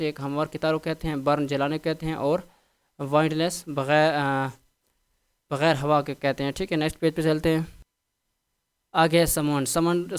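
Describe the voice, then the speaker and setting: Smooth-voiced man teaching vocabulary. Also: on the high side. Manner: patient, repetitive, explains each word with a set phrase. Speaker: English teacher. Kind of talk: vocabulary lesson, reading word meanings.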